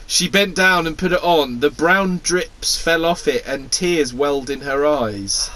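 A man's voice: a little high, unhurried, sharp tone, poor audio. A man hosting a podcast, reading crude fan fiction aloud with giggly, exaggerated asides. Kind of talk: comic reading and banter.

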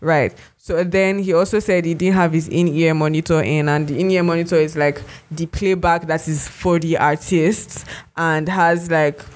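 A co-host chats loosely through a podcast, trailing into fillers and restarting thoughts as they go. The voice sits at a middling pitch, neither high nor low. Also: steady tone, normal speed. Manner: rambling, heavy use of "like" and restarts. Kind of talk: casual podcast chat.

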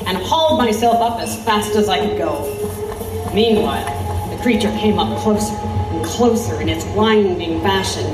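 A woman with a natural, medium-pitched voice plays an intrepid Victorian reporter, recounting a horror adventure tensely as dramatic scripted narration. The recording sounds echoey and distant, with music underneath.

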